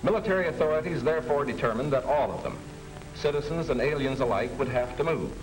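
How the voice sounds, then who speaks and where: Man, mid pitch, authoritative 1940s official-film narrator, faint music behind. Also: expressive, fast talker, low-quality recording.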